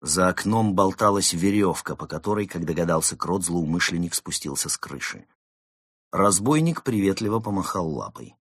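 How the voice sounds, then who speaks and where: A man narrating a storybook tale in an expressive, dramatic way. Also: low-pitched, moderate pace, husky, no echo, studio quality.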